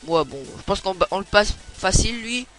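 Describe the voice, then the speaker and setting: High-voiced young gamer. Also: male voice, animated, normal speed, a bit bright, soft background music, poor audio. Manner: chatty, swears when frustrated. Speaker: let's play gamer. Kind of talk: casual gameplay commentary.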